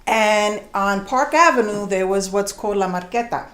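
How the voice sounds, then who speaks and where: Performing before an audience at a storytelling concert venue, this New York woman, a newcomer, speaks in a mid-range voice that carries a roomy sound. She keeps things lively and chatty, voicing characters and easing her pace to stress key moments.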